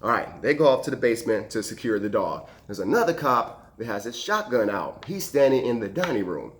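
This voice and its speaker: A firefighter recounting an emergency call as a casual anecdote, acting out the people involved with lively quoted voices. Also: male voice, medium pitch, fairly quick. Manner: animated, acts out quoted voices and sound effects.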